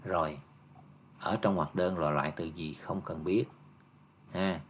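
A man's voice: low voice, steady tone, a little slow, slight background noise. A male teacher patiently reviewing an English exam step by step for his students. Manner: patient, explaining step by step with frequent "nha" and "nè".

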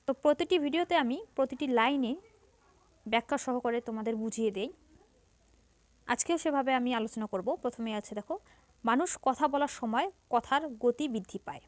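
A woman's voice: on the high side, normal speed, no echo. A woman teaching a grammar lesson to students, patiently explaining each point and repeating it.

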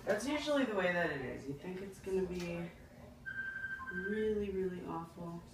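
Low-voiced woman in an echoey room. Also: lively intonation, moderate pace, far from the mic. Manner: reassuring, friendly. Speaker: body piercer. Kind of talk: casual reassurance and instructions to a client. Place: piercing studio room, indoors. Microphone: handheld phone a few feet away. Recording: echoey, noisy room, off-mic.

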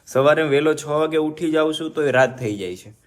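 Fast-talking young man chatting on a family vlog. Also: a little high. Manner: chatty, playful and teasing, talks to viewers. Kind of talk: casual vlog chat.

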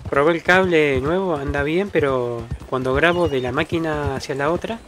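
A man's voice: fairly high pitch, normal speed, a bit bright, faint music behind. A man with an Argentine accent giving casual let's-play commentary, chatty and teasing, with frequent swearing. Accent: Argentine Spanish. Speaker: gaming streamer.

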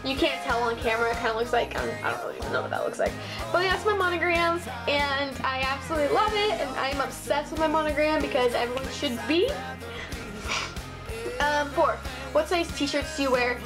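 A young Midwestern vlogger with a Southern Ohio twang chats to her built-in webcam mic from a small bedroom. Her high voice is brisk, bubbly and gushing, packed with ums and likes, while music plays in the background.

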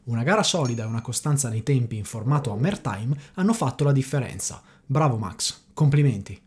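Fast, animated Italian male commentator. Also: mid-range voice, slight background noise. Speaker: motorsport channel host. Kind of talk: race commentary narration.

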